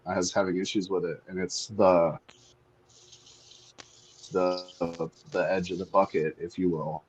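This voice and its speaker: A man's voice: low voice, flat delivery, lo-fi sound, noisy background. A man on a remote call whose audio keeps breaking up, talking casually and restarting his sentences as the connection drops. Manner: halting, restarts mid-sentence. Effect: choppy call audio that cuts out. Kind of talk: casual chat. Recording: online call connection dropping out.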